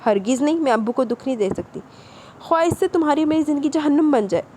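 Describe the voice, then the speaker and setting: A defiant young university woman in an audiobook drama, answering in sharp, indignant retorts, as a woman narrator puts her on. Her voice sits a little high and stays stubborn. A faint hiss runs behind her. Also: expressive.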